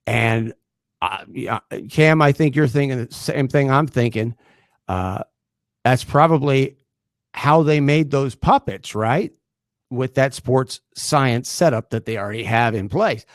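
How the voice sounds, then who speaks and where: A middle-aged man hosting a sports talk show, delivering a sarcastic, animated monologue and chuckling as he goes. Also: medium pitch, a little slow, dry recording, studio quality. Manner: sarcastic, animated, laughs while talking.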